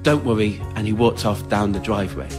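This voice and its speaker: Over music, a man with a lowish voice speaks fairly quickly as he tells an autobiographical story to a theatre audience. He wrote and performs this solo show, and his delivery is understated, wry and plain-spoken.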